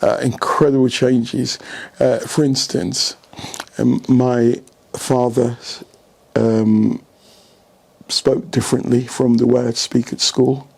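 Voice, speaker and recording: His voice is mid-range, creaky, and a bit breathy, and he takes his time. This older English senior coach tells animated stories in an interview, leaning on rhetorical questions and repeatedly checking for agreement.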